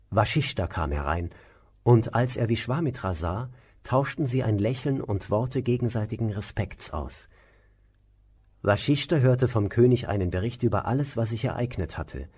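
A man calmly reading an old legend aloud in a measured way. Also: on the low side, slightly rough. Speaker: storyteller.

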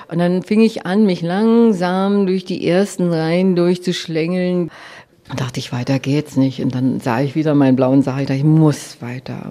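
Older lady telling a story from her life, low and mellow, acts out her own thoughts. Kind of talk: personal storytelling.

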